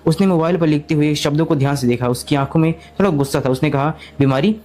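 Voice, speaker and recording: A man narrating a storybook recap in rapid, continuous storytelling with frequent restarts. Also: fairly high pitch, steady tone, mellow.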